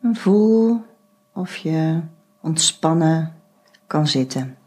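A woman guiding a meditation, giving slow, soft instructions with long pauses. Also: low voice, animated, slightly rough. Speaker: meditation guide. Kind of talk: guided meditation.

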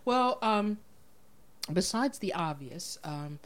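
A woman hosting a casual interview, chatty and relaxed, laughing often and filling pauses with "um" and "uh.". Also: medium pitch. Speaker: podcast host.

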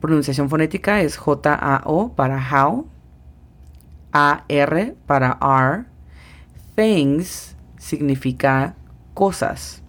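Woman teacher, low voice, unhurried drills. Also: animated. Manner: slow, careful pronunciation drills. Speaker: English teacher. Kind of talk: podcast language lesson.

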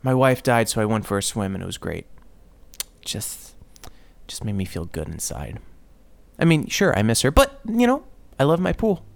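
A man imitating a relentlessly upbeat man who hosts an inspirational podcast, talking in a soft, breezy, forced-positive way. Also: on the low side, very animated, moderate pace, gravelly, long pauses. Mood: chipper.

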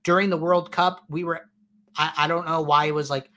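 A man with a somewhat raised voice hosts a casual live-stream question session. He explains things in a relaxed, rambling way, often pausing on fillers and restarting his sentences as he reads out viewers' questions. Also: on the high side. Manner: loose and chatty, many fillers and restarts. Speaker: host answering viewer questions.

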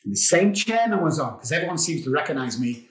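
Middle-aged man, excitable storyteller, bit high-pitched, roomy echoey sound. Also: quick pace, slight background noise. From England. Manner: excitable, swears casually, acts out voices in the story. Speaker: podcast guest. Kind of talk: animated storytelling. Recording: roomy echo.

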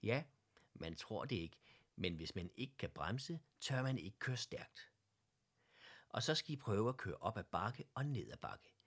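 A man voicing a friendly male teddy bear who coaches the others in cycling, giving calm, encouraging instructions. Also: fairly low pitch. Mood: instructive.

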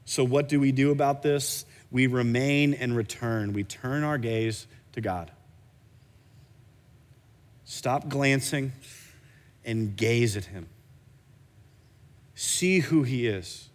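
A man preaching a sermon as pastor, animated, often stumbling and repeating words as he restarts a thought. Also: medium pitch, slow, pauses often, long reverb tail.

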